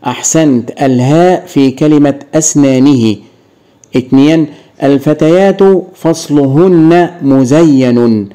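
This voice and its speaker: A man's voice: mid-range voice, warm tone. A man with an Egyptian accent teaching a grade-school grammar lesson, explaining step by step and asking and answering his own questions.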